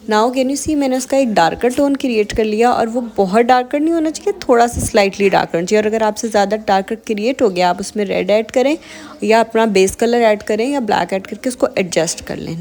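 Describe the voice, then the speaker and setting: A woman with a mellow, soft-edged voice talks through a painting tutorial as a fashion instructor. She explains patiently, switching freely between Hindi-Urdu and English and pausing on fillers as she thinks. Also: medium pitch. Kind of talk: art tutorial voice-over.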